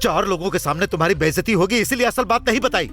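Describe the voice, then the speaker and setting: A stern scolding principal. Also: male voice, high voice, animated, quick pace, a bit bright, soft background music. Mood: angry. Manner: accusing, lecturing. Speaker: college principal. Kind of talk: Hindi film dub.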